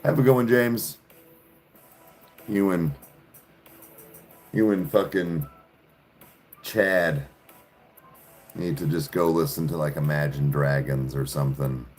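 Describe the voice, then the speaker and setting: A man's voice: rumbling low, slow pace, long pauses, darkish tone, faint music behind. A man hosting a podcast, ranting sarcastically in casual chat with plenty of profanity. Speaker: podcast host. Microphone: studio podcast mic.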